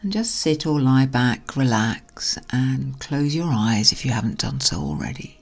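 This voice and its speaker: A woman hypnotherapist narrating a guided relaxation in a soothing, hushed delivery that trails softly toward a whisper. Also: rumbling low, big pitch swings, measured pace. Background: music.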